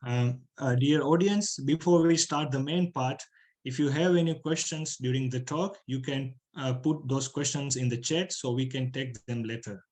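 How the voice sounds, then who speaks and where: A man hosts an online session, reading formal welcomes and introductions. He has a mid-pitched voice and stumbles now and then with small fillers. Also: normal speed, darkish tone, poor audio. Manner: formal, with hesitations. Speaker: host. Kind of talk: hosting an online talk.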